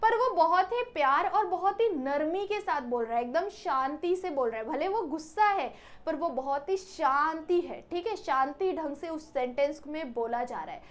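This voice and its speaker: Young woman, high voice, teaching exam grammar, asks and answers her own questions, says okay a lot. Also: lively intonation, moderate pace. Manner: repeats "ठीक है" often, mixes English words in. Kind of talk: exam-prep grammar lesson.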